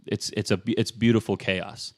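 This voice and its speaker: A man's voice: on the low side, steady tone, normal speed. A man hosting a podcast in casual chat, rambling and swearing loosely with lots of filler words. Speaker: podcast host.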